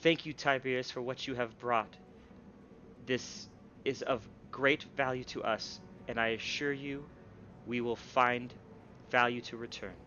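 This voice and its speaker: A man voicing a tall, quiet woman advisor with a weak voice, in a tabletop game. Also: mid-range voice, fairly even intonation, unhurried, muffled recording, slight background noise. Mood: formal.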